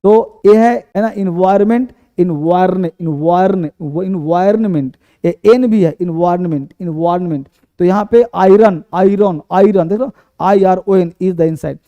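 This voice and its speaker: A man's voice: high voice, measured pace, few pauses, dark tone, dry recording, highs cut off. A man teaching English spelling for exams, chanting letters over and over and quizzing his students. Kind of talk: exam-prep spelling lesson.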